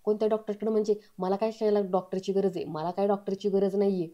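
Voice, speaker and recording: A woman reading the lines of a boastful man who pretends to have a head injury, in a mellow, level voice. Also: medium pitch, little pitch movement, quick pace, muffled recording, close to an everyday voice. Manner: bragging, evasive.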